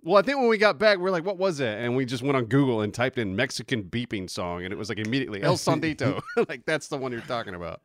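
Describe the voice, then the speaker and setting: A man co-hosting a podcast, telling stories in casual group chat, animated and quick to laugh. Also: mid-range voice, dry recording. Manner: animated storyteller, loud laughs. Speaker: podcast co-host.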